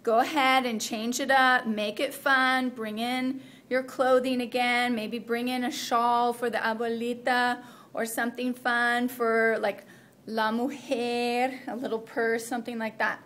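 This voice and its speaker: A woman's voice: fairly high pitch, flat delivery, a little slow, a bit bright. Chatty woman coaching teachers. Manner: practical, conversational, mixes in Spanish phrases. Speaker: Spanish program instructor. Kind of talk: teacher training walkthrough.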